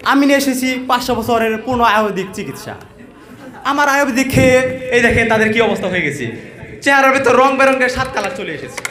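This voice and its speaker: A man's voice: very high-pitched, animated, quick pace, sharp tone, full character voice. A man playing a parody street hawker of quack cures, giving repetitive sales patter in a spoof advertisement. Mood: huckstering. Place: echoey room or hall at a madrasa event. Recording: echoey hall with audience noise.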